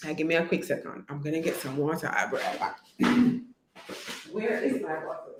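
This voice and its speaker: A woman with a lowish, husky voice chats on a live stream, warmly greeting viewers by name. Her throat is still rough from being sick. The sound carries a roomy echo. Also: expressive, normal speed, background noise. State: hoarse, recovering from illness. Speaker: coach hosting a live stream.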